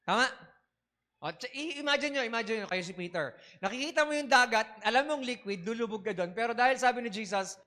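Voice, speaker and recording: A man preaching as a bishop in a high, bright, tense voice. He keeps checking in with the congregation through short questions and slips English phrases in between. His sermon delivery is lively. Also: quick pace.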